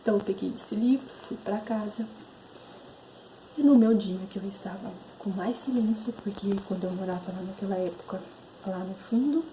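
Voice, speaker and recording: A woman's voice: medium pitch, moderate pace, mellow, a little hiss or hum, low-quality recording. A woman, telling a personal spiritual story in a rambling, self-correcting way. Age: 30s. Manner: rambling, self-correcting, re-enacts inner voices. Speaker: spiritual channel host.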